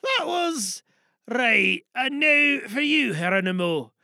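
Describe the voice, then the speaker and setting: An actor voicing a manic man who shouts his warnings and cackles wildly between lines. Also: very high-pitched, big pitch swings, slow, gravelly, no room sound, clean studio sound, full character voice.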